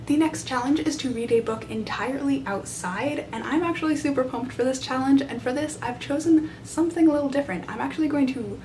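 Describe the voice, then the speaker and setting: In a small library side room, a young adult woman vlogging about books talks a little fast with few pauses and a darkish tone. Her handheld camera sits at arm's length, and a low rumble runs through the noisy room as she chats casually and enthusiastically.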